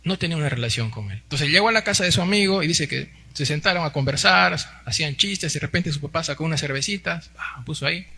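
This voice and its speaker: A man's voice: fairly high pitch, fast talker, vocal fry, few pauses, pushed and bright, breathy edge. A Peruvian man in his forties preaching a Sunday sermon, often tagging his sentences with little questions and calling the congregation brothers. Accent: Peruvian Spanish. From Peru. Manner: peppers speech with tag questions, addresses the congregation as brothers. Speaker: pastor.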